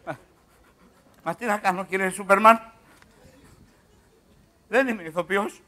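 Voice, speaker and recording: An actor playing a clumsy, dim young police recruit in a live stage comedy sketch, shrill and prone to shouting. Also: male voice. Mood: whiny. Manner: shrill, shouts his lines. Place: theatre stage.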